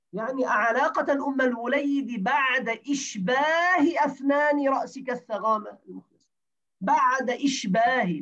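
A man's voice: high-pitched, fairly bright tone. A man teaching a grammar class, explaining step by step and quizzing his students with questions. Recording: distant dull lo-fi recording.

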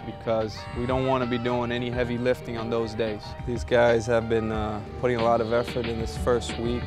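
Methodical man explaining training plans. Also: mid-range voice. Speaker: fitness coach. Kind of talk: documentary interview. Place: outdoor sports field. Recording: background music under the voice.

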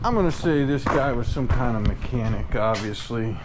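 A man vlogging as he sorts through a storage unit, talking in a folksy, unhurried way while he thinks aloud. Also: medium pitch, lively intonation. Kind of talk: casual chest-cam vlog narration. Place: metal storage unit and gravel lot outdoors. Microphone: chest-mounted action camera. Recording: noisy outdoor action-camera audio.

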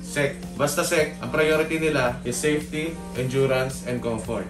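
A man's voice: mid-range voice, moderate pace, distant mic. A man reviewing a motorcycle helmet in a casual vlog at home, talking through a face mask in an upbeat way and often saying "ayan". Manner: upbeat, peppers talk with "ayan". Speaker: motorcycle vlogger. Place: at home indoors. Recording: roomy, from off-mic, loud music behind.

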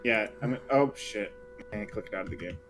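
A man's voice: fairly low pitch, a little fast, over music. A man hosting a let's play, chatting casually and a little flustered. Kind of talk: casual gaming chat.

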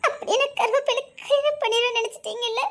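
A wounded young wife , voiced by a woman, speaks in a very high, thin voice. She sounds tearful and bitter as she levels her accusations in a spoken drama. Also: fairly even intonation, quick pace, fairly bright tone. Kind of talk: Tamil audio drama acting.

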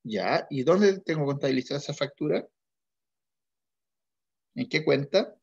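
A male teacher works through an accounting exercise, asking questions and confirming answers in a methodical, patient way. His voice sits slightly high for a man. The recording is dull and lo-fi. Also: expressive, measured pace, creaky, breathy edge. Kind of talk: online class lecture.

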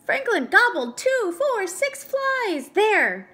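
A preschool teacher reading a storybook aloud, pausing to ask the children gentle questions. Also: female voice, extremely high pitch, sing-song.

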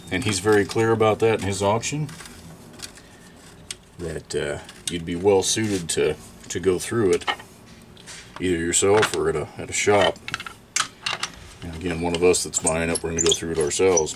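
A man's voice: deep voice, noisy background. A middle-aged man casually talking through an old tool on his workbench, thinking aloud as he works and bursting out in surprise. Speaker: chainsaw repair channel host. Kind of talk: casual workshop show-and-tell. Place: indoor repair workshop.

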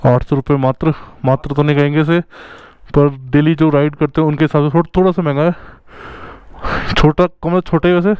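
A man's voice: a little high, brisk, smooth, dull audio. A man hosting his own motorcycle travel vlog, talking casually and asking his riding companion questions. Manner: relaxed, chatty, asks his companion questions. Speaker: travel vlogger host. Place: motorcycle road trip in the mountains.

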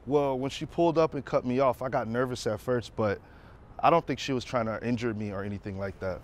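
An actor playing a reasonable, put-upon young cyclist in a drama, explaining things in a matter-of-fact way. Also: male voice, mid-range voice, a little fast, lightly acted. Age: young adult. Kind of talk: acted drama dialogue. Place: outdoor parking lot.

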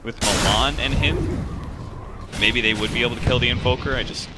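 A man giving play-by-play commentary on a competitive video game match, speeding up into rapid excited calls during fights. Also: medium pitch, heavy background noise. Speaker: esports caster.

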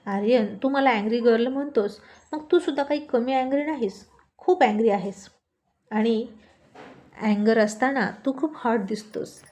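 A woman's voice: a little high, normal speed, a little mellow, close to an everyday voice. A woman voicing a moody young girlfriend who pouts and sweet-talks. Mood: affectionate. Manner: pouting, sweet-talking.

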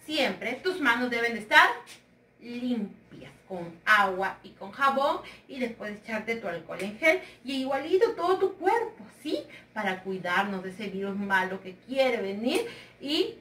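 Preschool teacher lady, high bright sing-song voice, echoey room a bit off mic. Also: animated, a little slow, recorded from a distance, a little hiss or hum. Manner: sweet, sing-song, coaxing and affectionate. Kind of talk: remote lesson for young children.

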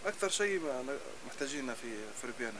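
A man with a Libyan Arabic accent fires off short questions at a very rapid pace. He talks from behind a handheld camera outdoors, and clear background noise runs under his voice. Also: mid-range voice, lively intonation. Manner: quick, brief questions. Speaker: interviewer. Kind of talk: street interview.

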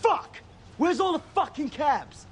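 An actor with an English accent playing a young football firm leader who barks urgent, commanding orders. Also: male voice, very high voice, animated, unhurried. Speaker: gang leader. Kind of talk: film dialogue.

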